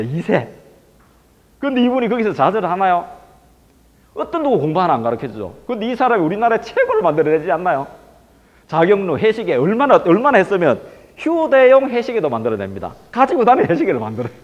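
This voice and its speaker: A man lecturing a hall of teenagers, his voice pitched high and swinging up and down as he fires questions at the room. The recording is dull and lo-fi, with a long reverb tail. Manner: keeps quizzing the audience with rhetorical questions.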